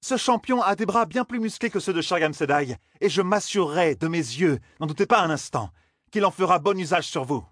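A man plays a stern former wise woman who orders people about in a storybook reading. The voice sits high and swings a lot as she scolds. It is dry and close. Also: expressive, normal speed, pauses often, no echo. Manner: sharp, commanding, scolding. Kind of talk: audiobook character voice.

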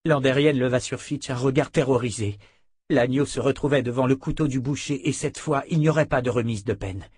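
A man reading a novel aloud in a steady, measured narration. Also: medium pitch, slightly rough, no room sound, studio quality. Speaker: audiobook narrator. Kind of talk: scripted narration.

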